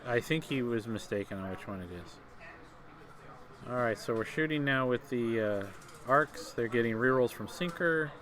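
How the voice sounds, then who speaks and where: A man's voice: mid-range voice, expressive, normal speed, fairly bright tone. A man commentating live on a tabletop miniatures game, talking casually with fillers and restarts. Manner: conversational, hesitant with fillers and restarts. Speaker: tournament commentator.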